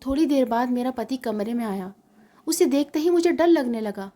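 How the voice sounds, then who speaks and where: A woman with a high voice reads a sad first-person story aloud. She keeps a steady, heartfelt narrating tone throughout. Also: moderate pace.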